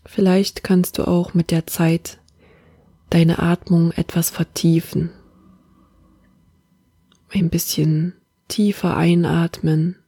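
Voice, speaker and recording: A woman leading a guided meditation in a soft, half-whispered, calm and soothing manner. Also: on the low side, takes it slowly, long pauses, husky, dry recording, clean studio sound.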